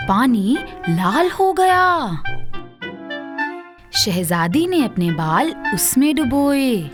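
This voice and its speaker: A woman narrating a children's storybook tale in a gentle, unhurried storytelling manner. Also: medium pitch. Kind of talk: scripted narration.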